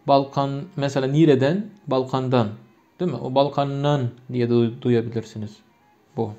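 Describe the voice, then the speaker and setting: Soft music plays behind a Turkmen man, a native speaker with a Turkmen accent, as he teaches grammar patiently, returning to many repeated examples. He speaks at normal speed in a medium-pitched, steady, dark-toned voice, captured in a muffled lo-fi recording.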